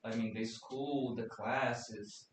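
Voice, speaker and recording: A Brazilian man with a Portuguese accent hosts a casual chat in English, playful and full of small restarts. His voice sits at an everyday middle pitch and is heard from a distance in a very echoey room. A faint hiss runs underneath. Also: steady tone, slow. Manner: chatty, playful, with hesitant restarts. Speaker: podcast host.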